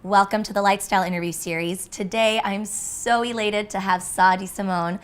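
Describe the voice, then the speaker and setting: A woman hosting an interview series, speaking affectionately with drawn-out phrasing. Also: medium pitch, fairly even intonation, clean tone. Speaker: interview host.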